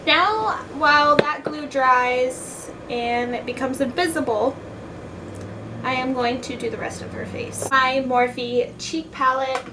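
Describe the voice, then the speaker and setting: A tipsy, playful woman hosts a casual makeup video, chatting loosely while she works. Her voice is high and slow. The recording sounds distant and echoey, in a noisy room.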